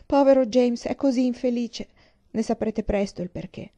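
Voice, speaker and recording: A woman's voice: fairly high pitch, moderate pace, warm tone, pitched above the performer's own voice, lightly acted. A woman reading an audiobook voices a distressed, earnest young woman who speaks in a pleading, agitated way.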